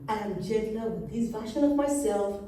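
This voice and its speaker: A woman in her forties with a Yoruba accent, a native Yoruba speaker, reading her poems in a slow, measured way. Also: medium pitch, lively intonation, dark tone. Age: 40s. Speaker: poet. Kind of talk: poetry reading. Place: reading event hall. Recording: very echoey room, mic far off.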